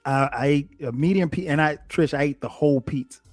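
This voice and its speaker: A man's voice: fairly high pitch, brisk, no room sound, soft background music. A man hosting a casual interview, speaking in a colloquial, anecdotal way. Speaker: interviewer, host.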